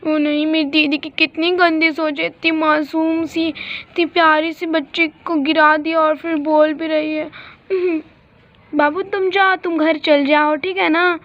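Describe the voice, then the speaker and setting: A woman voicing a gentle, kind younger sister in a doll-play story, earnest and pleading. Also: high-pitched, little pitch movement, unhurried. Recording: dull lo-fi recording.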